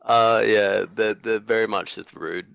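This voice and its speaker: A man who grew up in Hong Kong, speaking with a British-influenced Australian accent, calling in with a halting question. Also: on the low side, fairly even intonation, gravelly, fairly bright tone, clear, resonant tone, dry recording. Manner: hesitant, halting with fillers and laughs. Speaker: caller. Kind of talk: phone-in question.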